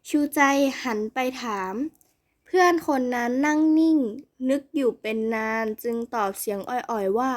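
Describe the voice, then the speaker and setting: A woman reading a children's school story aloud as a bedtime story, calm and steady. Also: a little high, moderate pace.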